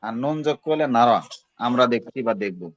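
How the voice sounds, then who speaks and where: A man's voice: medium pitch, animated, brisk, dry recording, muffled recording. Patient male Arabic grammar teacher. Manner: patient, repeats verb forms with their meanings; checks in with "ঠিক আছে". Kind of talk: recorded class lesson.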